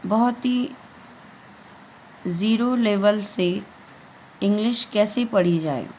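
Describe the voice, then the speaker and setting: A woman's voice: mid-range voice, slow, darkish tone, slight background noise, poor audio. A woman teaching English reading, spelling each word letter by letter and then giving its meaning. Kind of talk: slow spelling-out reading lesson.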